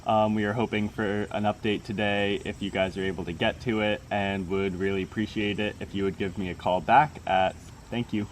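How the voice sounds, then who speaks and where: A man's voice: fairly low pitch, little pitch movement, normal speed, few pauses, a little hiss or hum. A man vlogger leaving a polite, slightly hesitant voicemail asking a repair shop for an update. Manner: polite, hesitant business request.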